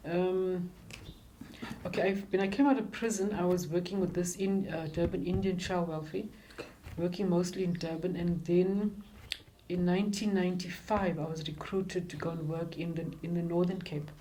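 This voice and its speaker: An older woman with a South African accent, speaking in a halting, reflective way as she recounts her life and work in an interview. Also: fairly low pitch, fairly even intonation, mellow, a little hiss or hum, low-quality recording.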